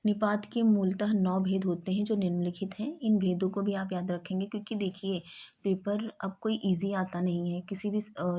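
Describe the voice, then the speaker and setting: A woman's voice: medium pitch, mellow, husky, muffled recording. A woman teaching a grammar lesson for exam preparation, explaining terms and stressing words in spoken examples.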